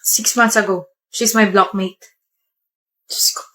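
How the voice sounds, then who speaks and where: A woman's voice: medium pitch, steady tone, slow, a bit bright. A woman playing a cheating young boyfriend who pleads and defends himself in a comedic skit. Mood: guilty. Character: cheating young male boyfriend, clingy and evasive.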